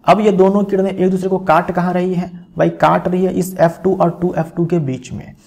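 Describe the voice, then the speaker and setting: Gravelly man teaching a lesson. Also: high voice, level tone, moderate pace, a little mellow. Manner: explanatory, repeats key phrases, checks in with "theek". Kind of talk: classroom physics lesson.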